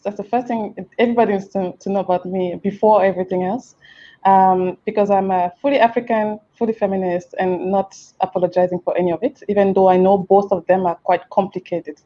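A woman from Cameroon in her thirties, speaking as a guest in a casual video-call interview, animated and warm, with many fillers and restarts. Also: medium pitch, brisk. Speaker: interview guest, feminist strategist. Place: indoor room with a plain wall. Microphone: headset on a video call. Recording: muffled video-call audio.

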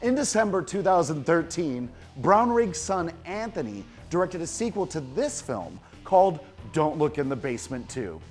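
Dude hosting midnight b-movies, kinda high voice, swings all over, sarcastic, some music under. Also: male voice, sing-song, normal speed, hardly any pauses, a little mellow. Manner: wry, sarcastic asides. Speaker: horror movie host. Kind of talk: TV host segment, trivia with jokes.

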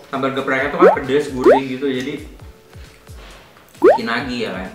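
A man's voice: medium pitch, wildly swooping pitch, moderate pace. A young man chatting casually while eating with his mouth full. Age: young adult. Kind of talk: casual food challenge chat while eating. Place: indoor room at home, at a table. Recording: roomy, distant mic, music behind.

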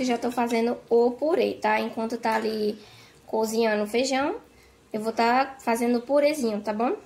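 A home cook vlogger narrates a recipe casually from her kitchen, chatting away and checking in with viewers often, sprinkling her phrases with "tá?" and "gente". Her voice is fairly high, gravelly and a bit dark in tone, with slight background noise.

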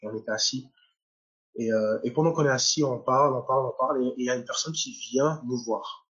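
A man's voice: medium pitch, a bit bright. Young guy from nigeria telling his faith story, stops and repeats himself a lot, kinda dull muffled sound. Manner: halting, many repeated words and restarts. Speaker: footballer giving a testimony. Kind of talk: personal faith testimony.

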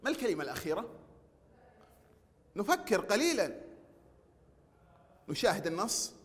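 A man teaching a recorded language lesson, drawing out words slowly and praising the pupils. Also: high-pitched, sing-song, a bit bright. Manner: slow drawn-out pronunciation drills with praise. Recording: long hall reverb.

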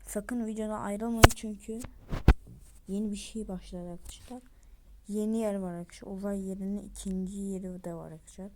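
A woman's voice: medium pitch, steady tone, fairly quick, heavy background noise. A woman hosting a gaming channel, chatting to viewers and voicing characters in the game. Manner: chatty, addresses viewers often. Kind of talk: game commentary with voiced characters.

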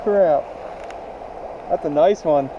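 Excitable man on a river with a body camera. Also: on the high side, background noise. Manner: excited, shouting at catches. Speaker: fishing channel host. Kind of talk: casual outdoor vlog. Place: outdoors wading in a river. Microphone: action camera worn on the body. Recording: dull action-cam audio, rushing river.

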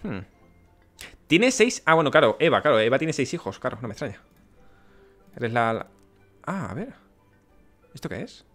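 A man's voice: medium pitch, big pitch swings, moderate pace, pauses often, fairly bright tone, faint music behind. A man with a Spanish accent giving casual gameplay commentary, chatty and muttering to himself and to the game characters. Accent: Spain. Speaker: let's play host.

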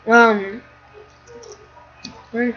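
Young girl chatting over a game, high voice, kinda slow, muffled cheap recording. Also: little pitch movement. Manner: rambling, easily startled, chatty. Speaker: gaming YouTuber. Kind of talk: casual gameplay commentary.

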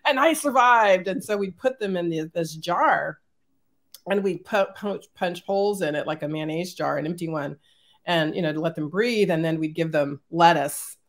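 A middle-aged woman, an executive, telling childhood stories as an interview guest over a video call, animated and laughing often. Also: lowish voice, moderate pace. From born in Germany, raised in Northern California. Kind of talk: casual storytelling.

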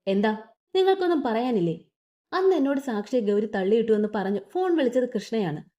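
A furious young husband, bitter and demanding, his harsh, clipped threats voiced in a fairly high, lively tone by a woman reading an audio story. The sound is mellow and dull, like a lo-fi recording. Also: brisk, natural voice. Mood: angry.

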